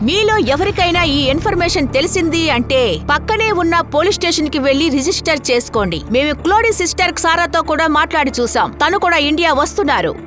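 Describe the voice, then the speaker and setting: A woman's voice: extremely high pitch, animated, quick pace, hardly any pauses, fairly bright tone, faint music behind. A woman playing an earnest TV news reporter, delivering a formal bulletin in a dubbed crime drama. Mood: urgent, formal.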